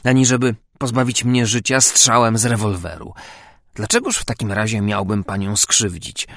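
A charming, self-assured gentleman seducer, read by a man in a lowered, soft, amused tone. The voice is gravelly and rises and falls freely. The recording is dry and close. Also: big pitch swings, unhurried, no room sound, exaggerated voice.

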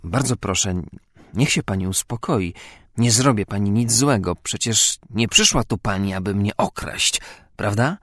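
A man voicing a self-assured, charming gentleman seducer, in a lower, soft, amused tone. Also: very animated, measured pace, gravelly, heavily acted.

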